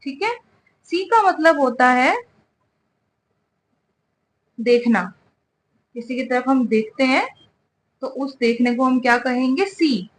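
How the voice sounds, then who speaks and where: A woman's voice: high-pitched, lively intonation, slow, long pauses, slight background noise. A woman teaching English vocabulary, spelling words out letter by letter and checking in with "ठीक है" over and over. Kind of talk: spoken English lesson.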